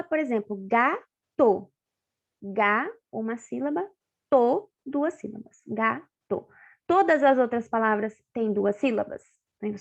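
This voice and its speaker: Patient Brazilian teacher, lo-fi audio. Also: female voice, on the high side, vocal fry. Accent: Brazilian Portuguese. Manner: patient, explains step by step with frequent checks like "tá?". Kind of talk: online class walkthrough. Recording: dull lo-fi online class audio.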